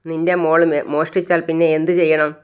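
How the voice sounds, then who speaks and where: A woman's voice: sits low, level tone, quick pace, clean tone, close to an everyday voice. A woman voicing a harsh, scolding old grandmother in a storybook tale. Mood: angry scolding. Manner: sharp, scolding.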